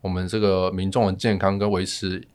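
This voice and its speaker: Low-voiced Taiwanese Mandarin man explaining casually. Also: level tone, brisk, darkish tone, clear, resonant tone. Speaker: family physician guest. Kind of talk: casual podcast interview.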